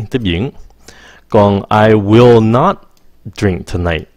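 Man, English teacher, lowish voice, casual lesson, frequent "ok", slow example sentences, dry close sound, faint typing. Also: a little mellow, no room sound. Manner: mixes English phrases into explanations, repeats "ok" often; slows down to model English sentences.

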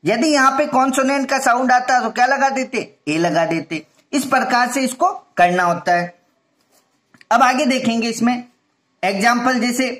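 A man's voice: very high voice, fairly bright tone. A male teacher giving a grammar lesson, explaining step by step and answering his own questions.

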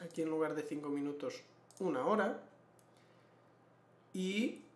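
A man, walking through a screen-share tutorial and clearing his throat often. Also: on the high side, a little mellow. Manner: explanatory, frequent throat clearing. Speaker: trading educator. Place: small room indoors. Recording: roomy echo.

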